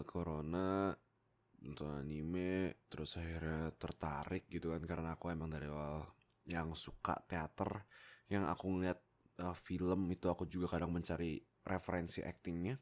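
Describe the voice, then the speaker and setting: A young Indonesian man, a YouTube creator and amateur voice actor, rambles excitedly about himself into a close USB microphone. His voice sits low, he talks at a moderate pace with long pauses, and his unscripted storytelling is animated and exclamatory, often breaking into giggles.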